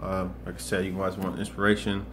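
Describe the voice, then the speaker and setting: Background noise accompanies a man in his twenties as he gives a casual motivational vlog in a low voice with a completely flat delivery. He talks fairly quickly, earnestly and rambling, often restarting and repeating himself.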